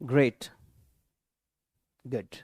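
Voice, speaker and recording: A man's voice: very slow, a little mellow. A man teaching spoken English online, encouraging his students and repeating points often. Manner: repetitive, encouraging teacher mixing Hindi and English.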